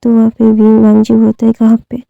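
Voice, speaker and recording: A woman retelling a fan fiction story casually, voicing the dialogue with pauses and fillers. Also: a little high, completely flat delivery, vocal fry, smooth, no room sound, narrow, tinny audio, soft background music.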